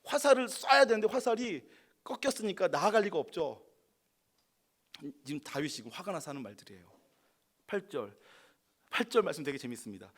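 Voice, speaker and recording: A man preaching a midweek sermon as pastor, swinging from quiet asides to loud, emphatic outbursts and reading scripture slowly and deliberately. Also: a little high.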